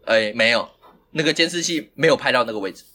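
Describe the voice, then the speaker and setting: Lively Taiwanese Mandarin man, laughing storyteller. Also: medium pitch, fast talker. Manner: animated, laughs often while telling a story. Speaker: podcast host. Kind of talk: casual storytelling chat.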